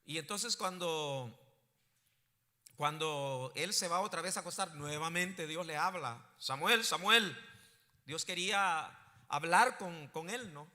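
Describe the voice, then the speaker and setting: Man preaching with bright, echoing voice. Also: a little high, a little slow. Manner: rising to emphatic preaching bursts, asks the congregation questions. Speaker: pastor. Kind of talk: sermon.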